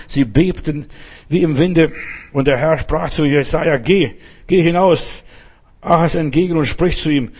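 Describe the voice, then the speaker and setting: A man's voice: on the high side, darkish tone, slightly rough. A man preaching a sermon, earnest and repetitive, speaking straight to his listeners and often asking if they understand.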